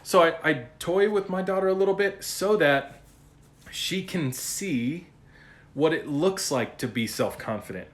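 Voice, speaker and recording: A man talks through a casual monologue as a podcast host, blunt and full of cursing. His delivery is animated and unpolished, like everyday speech. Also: fairly high pitch, measured pace.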